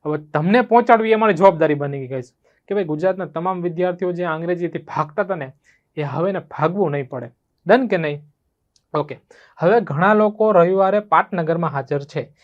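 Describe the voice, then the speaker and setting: A male teacher with a Gujarati accent and a high voice explains English grammar step by step. He keeps asking his students whether it is clear, and the recording sounds slightly dull and lo-fi. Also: a little fast. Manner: asks students rhetorical check questions. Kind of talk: spoken English lesson in Gujarati.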